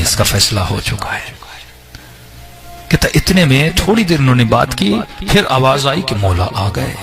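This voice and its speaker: A man's voice: mid-range voice, creaky. A man telling a religious story with rising emotion, voicing the people in it as he goes.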